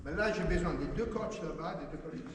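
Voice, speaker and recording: A middle-aged man, coaching a basketball clinic, explaining drills and calling them out loudly. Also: fairly high pitch, fairly quick. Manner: demonstrative, calls out drills loudly. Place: large indoor gym. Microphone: camera far from the speaker. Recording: echoey gym from far off, noisy. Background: ball bounces and court noise.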